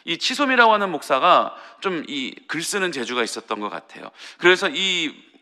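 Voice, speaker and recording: Bright-voiced pastor preaching in a hall. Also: male voice, fairly high pitch, big pitch swings, normal speed. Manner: earnest, pleading preaching with acted parent voices. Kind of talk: dawn prayer sermon. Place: church sanctuary. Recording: long hall reverb.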